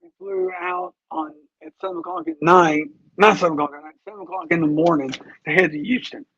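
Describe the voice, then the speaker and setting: Choppy call audio, high gravelly man. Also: animated, a bit bright, dry recording. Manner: rambling, halting, restarting words. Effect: choppy, breaking-up call audio. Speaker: interview guest. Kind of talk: casual storytelling over a call. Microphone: earphones on a call. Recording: dull lo-fi call line.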